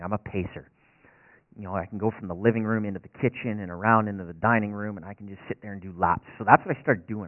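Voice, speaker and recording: A northern Albertan man serving as a racetrack chaplain delivers a sermon in the form of an earnest, folksy story that pokes fun at himself. His pitch sits in the middle, and the recording is dry and tinny like a phone call, with no room sound.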